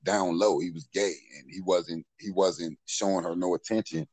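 A man's voice: low voice, fairly even intonation, normal speed, a little mellow, dry recording, low-quality recording. Laid-back storytelling man, dry close sound. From Maryland, USA. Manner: laid-back, profane, fillers like "you know what I'm saying". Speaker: podcast storyteller. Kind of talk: casual street storytelling.

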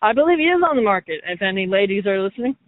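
A man chatting casually as a podcast co-host in a deadpan, teasing way, talking outdoors near a road. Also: high voice, rapid-fire, no room sound. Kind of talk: casual chat. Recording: tinny, dry phone line.

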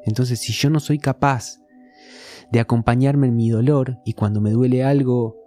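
A man's voice: medium pitch, steady tone, moderate pace, mellow, faint music behind. A man with a Rioplatense Spanish accent, talking in a casual conversation and explaining his ideas through everyday examples.

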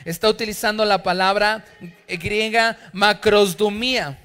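A middle-aged Mexican preacher with a high, bright voice, delivering a sermon full of funny personal anecdotes. His tone is clear and ringing, and he jumps into character voices as he tells his stories. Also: steady tone, measured pace. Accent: Mexican Spanish. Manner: humorous, anecdotal, acts out characters. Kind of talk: storytelling sermon.

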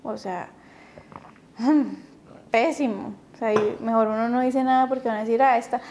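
A woman's voice: a little high, unhurried, a little mellow, slight background noise. A woman hosting a podcast interview, chatting casually and dropping short acknowledgements. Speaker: podcast host.

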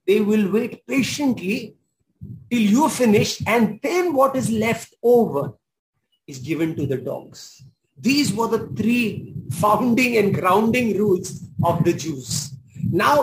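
A pastor delivers a sermon in a high voice. He stresses and repeats his main points and breaks into exclamations. A faint hiss sits under the recording. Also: poor audio. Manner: emphatic, repeats key phrases, exclaims.

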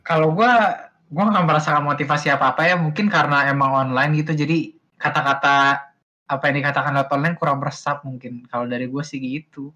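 A man's voice: on the high side, fast talker, lo-fi sound. A university student in his twenties chatting casually and jokingly on an online voice call. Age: 20s. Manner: relaxed and joking. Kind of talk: casual chat.

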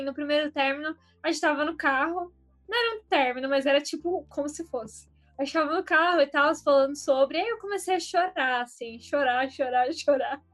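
A woman's voice: high voice, fairly bright tone. A woman casually telling a story among friends, dramatic and self-mocking.

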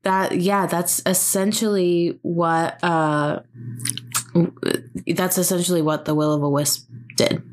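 A woman's voice: lowish voice, fairly even intonation, takes it slowly. A young woman co-hosting a podcast, chatting casually and rambling through her thoughts. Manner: rambling, with many fillers and restarts. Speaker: podcast co-host. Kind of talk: casual chat.

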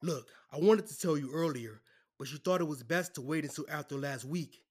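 Man as defensive, guilty lawyer, a bit high. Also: brisk, breathy edge. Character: apologetic male lawyer, defensive. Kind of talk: audio drama acting.

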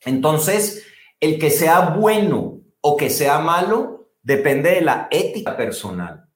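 A man's voice: on the high side, very animated, slow. A man, a speaking coach, explaining technique expressively as an interview guest and stressing words to demonstrate. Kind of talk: animated explanatory talk. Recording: roomy echo.

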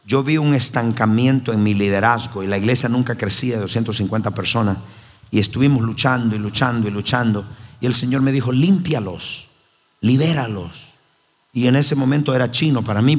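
A man preaching a sermon as pastor, emphatic and repeating his phrases. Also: medium pitch. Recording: long hall reverb.

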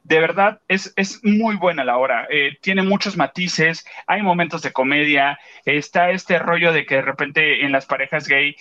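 Man, Mexican accent, co-host, lively storyteller, slightly high voice, dull lo-fi sound. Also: normal speed, hardly any pauses. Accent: Mexican Spanish. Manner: animated storyteller, acts out quoted voices. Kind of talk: casual chat, retelling a theater outing.

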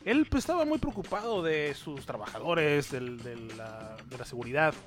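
A man's voice: on the high side, very animated, normal speed, soft background music. A man with a northern Mexican accent hosting in casual banter, full of border slang like bro and man. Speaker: show host.

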